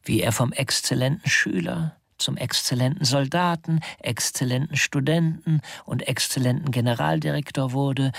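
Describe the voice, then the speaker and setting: A man with a gravelly, husky voice reads a literary narration slowly and deliberately, often sinking into a hushed whisper. The recording is dry and close, with no room sound at all. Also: mid-range voice, dry recording. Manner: slow, deliberate, dropping to whispers.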